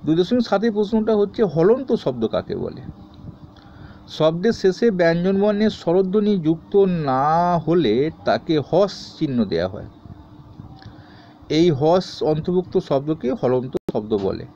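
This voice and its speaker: A man teaching a grammar lesson to students, reading each question and then explaining the answer in a steady tone. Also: on the high side, a little slow, highs cut off, slight background noise.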